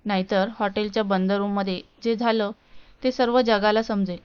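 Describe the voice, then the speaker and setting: A woman's voice: medium pitch, little pitch movement, normal speed, clean tone, lightly acted. Woman voicing an arrogant young rich man. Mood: scornful. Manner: cold, dismissive, mocking. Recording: dull lo-fi recording.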